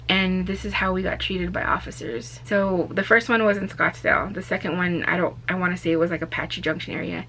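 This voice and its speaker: A woman's voice: mid-range voice, a bit bright, a little hiss or hum. A woman vlogger telling a personal story in an emotional, candid, rambling way. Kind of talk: storytime vlog.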